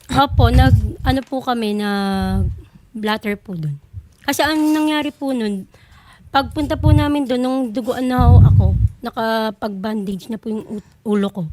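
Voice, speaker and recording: Woman complainant, highish voice, polite eager telling, faint noise behind. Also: measured pace, dark tone.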